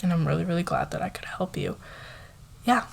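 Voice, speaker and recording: A young woman of eighteen answers viewer questions in a soft, relaxed, casual way. Her voice sits a little on the low side. She often says "like" and sometimes drops to a whisper. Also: a little fast, creaky, husky. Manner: soft-spoken, relaxed, many "like" fillers, drifts into whispers. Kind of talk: casual Q&A chat.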